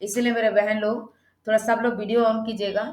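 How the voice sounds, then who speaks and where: A woman's voice: mid-range voice, flat delivery, a little fast. A woman leading an online prayer meeting, talking in a chatty way and often asking her listeners to agree. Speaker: prayer leader. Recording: roomy echo.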